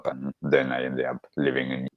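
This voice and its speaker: A man born in Argentina with an extremely deep, very even voice speaks in a halting way, restarting his sentences often. The audio is dry and a little dull, as from a remote call. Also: no echo. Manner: halting, with many restarts and fillers. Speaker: podcast guest, wellbeing coach. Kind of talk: casual interview talk.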